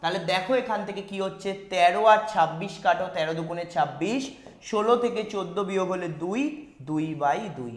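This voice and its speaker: The recording has an echoey room, and the man's voice is high and at a normal speed. He has a West Bengal Bengali accent and teaches a live online math class, going back over each step, checking with "ঠিক আছে?" and reading chat questions from students.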